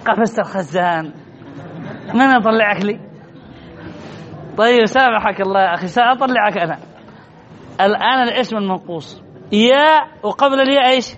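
High-voiced man teaching, dull lo-fi recording. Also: brisk, long pauses, a bit bright. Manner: questions the students and answers himself, repeats key words. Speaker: grammar teacher. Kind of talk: classroom lesson on Arabic grammar. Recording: dull lo-fi recording with faint noise.

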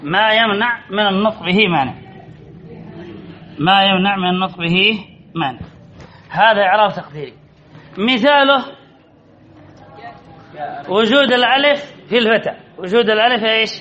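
A male grammar teacher giving a classroom lesson, repeating key phrases and quizzing his students with drawn-out words. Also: sits high, pushed and bright, highs cut off.

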